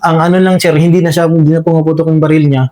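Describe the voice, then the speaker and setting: Soldier guy telling a war story, keeps saying sir, lots of um and uh, kinda high and flat voice. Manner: halting, full of fillers, says "sir" constantly. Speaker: soldier recounting a combat encounter. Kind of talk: spoken war story in an interview.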